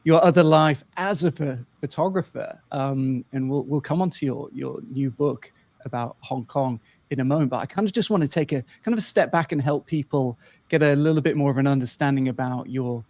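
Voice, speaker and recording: A man with a mid-range, slightly gravelly voice hosting a podcast. He is conversational and encouraging, framing questions for his guest. The sound is close and dry. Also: mid-range voice, a little fast, darkish tone, dry recording. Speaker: podcast host, photographer. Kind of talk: podcast interview.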